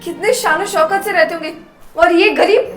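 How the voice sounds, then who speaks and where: A woman's voice: extremely high pitch, moderate pace, faint music behind. A young woman acting in a scripted skit, talking in a scornful, scolding, arrogant way. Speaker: actress in a short drama.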